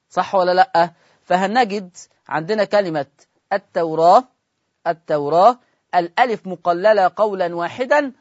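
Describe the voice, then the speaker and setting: A man with an Egyptian accent teaching Quran recitation in a broadcast lesson, asking his listeners questions and answering them himself, and drawing out words slowly to demonstrate them. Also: sits high, no echo. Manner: demonstrates recitation in slow drawn-out sounds. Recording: dull lo-fi broadcast audio.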